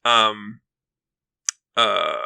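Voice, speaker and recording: A man's voice: lowish voice, very slow, gravelly, sharp tone, clear, resonant tone. A man co-hosting a casual podcast, joking around. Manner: joking, laughs easily. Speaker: podcast co-host.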